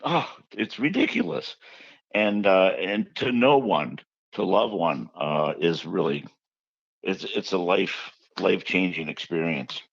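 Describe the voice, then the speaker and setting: In a casual interview about his book, a man tells anecdotes chattily and acts out what people said, speaking unhurriedly and expressively in a low voice with vocal fry. The recording is dry, with the high frequencies cut off.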